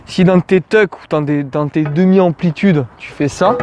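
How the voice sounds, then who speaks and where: A man's voice: a little high, unhurried, darkish tone, dull audio. French man coaching casually outdoors. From France. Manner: informal, addresses viewer as tu, jokey asides. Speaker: calisthenics coach. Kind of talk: casual outdoor workout tutorial.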